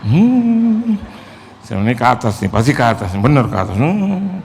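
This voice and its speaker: A man's voice: fairly low pitch, rapid-fire, creaky. A middle-aged male pastor, telling a sermon story with self-mocking humor. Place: large church hall. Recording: reverberant church hall, faint noise.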